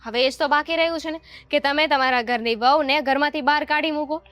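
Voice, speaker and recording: A woman acting out a put-upon young daughter-in-law in a family drama, answering back with quiet sarcasm. Her voice is high, recorded dry and close, with faint music underneath. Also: steady tone, quick pace, dry recording. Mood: sarcastic.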